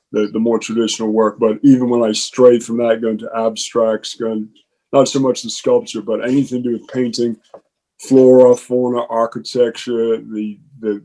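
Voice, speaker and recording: A man giving an unscripted interview as a painter, speaking in halting, piecemeal phrases. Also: medium pitch, dark tone, rough recording.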